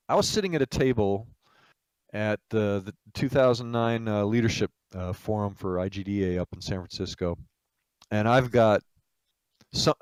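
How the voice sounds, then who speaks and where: A man's voice: fairly low pitch, no echo, poor audio. Guy lecturing on project mgmt, blunt and salty, tells stories, dry close sound. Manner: casual, blunt, salty, lots of "you know". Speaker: game studio executive teaching project management. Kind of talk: informal lecture with storytelling.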